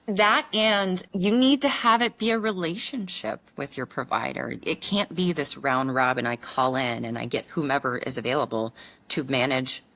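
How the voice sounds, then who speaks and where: A woman guesting on a podcast, telling candid stories in an animated way and acting out other people's lines. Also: a bass voice, moderate pace, low-quality recording. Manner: animated storyteller who acts out other people's voices; frank and candid. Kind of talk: casual podcast conversation.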